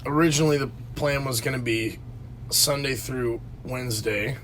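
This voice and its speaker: This basement podcast co-host speaks at medium pitch and normal speed, his tone fairly bright. The recording is low quality with a little hiss or hum, and he tells a meandering story packed with fillers and restarts in relaxed conversation.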